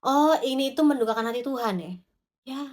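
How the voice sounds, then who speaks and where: A woman preaching a devotional sermon to her congregation, animated and talking straight to the listeners, acting out little quoted prayers along the way. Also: high voice, quick pace.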